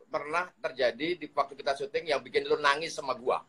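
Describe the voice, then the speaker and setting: A man's voice: a little high, fairly even intonation, fairly quick, pushed and bright, breathy edge, poor audio. A man hosting a casual live stream, teasing his guest in a playful way. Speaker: host.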